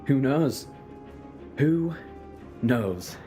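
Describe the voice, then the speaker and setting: Audio drama role: brooding, theatrical time-traveller Doctor played by a man, mid-pitched, deliberate halting delivery, music underneath. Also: animated, warm tone. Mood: grave, regretful.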